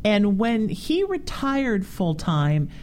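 A woman's voice: mid-range voice, sing-song, slow, a little mellow, a little hiss or hum. A woman in her forties hosting a talk show, chatting casually and telling stories with animation. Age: 40s. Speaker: show host.

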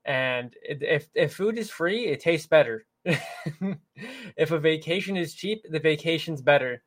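A man's voice: on the high side, animated, a little slow. A man co-hosting a casual radio show with upbeat banter, repeating phrases for emphasis. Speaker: talk show co-host.

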